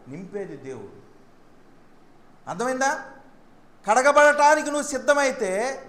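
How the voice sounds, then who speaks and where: High-voiced man preaching in an echoey room. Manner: preaching in Telugu mixed with English lines, sudden swings between loud and soft. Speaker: pastor. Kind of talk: sermon. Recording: echoey room with faint background noise.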